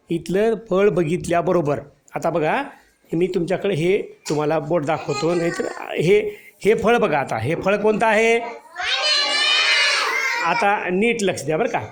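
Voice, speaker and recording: Patient male teacher drilling young pupils. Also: sits high. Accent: Marathi. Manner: patient, repeats questions and answers to children. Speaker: primary school teacher. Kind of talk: classroom teaching of first-grade children.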